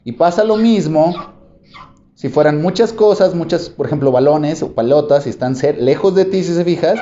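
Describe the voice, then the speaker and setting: A man, an English teacher giving a patient video lesson and repeating examples slowly. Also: fairly high pitch, dark tone. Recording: roomy, slightly dull sound.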